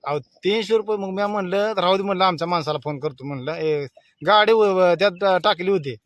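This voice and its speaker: A man's voice: high-pitched, a little fast, dry recording, clean studio sound. A man with a rural western Maharashtra accent on a casual prank phone call, talking colloquially in a pleading, insistent way. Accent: rural western Maharashtra Marathi. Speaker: prank caller. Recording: noisy phone call with vehicle sounds.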